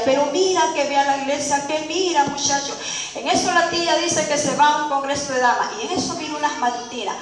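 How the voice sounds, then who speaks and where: Woman, preacher, sermon storytelling, acts out the dialogue, high-pitched, booming church reverb. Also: far from the mic, slight background noise. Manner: acts out dialogue, shifting voices for each character. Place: church sanctuary. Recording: echoey church hall.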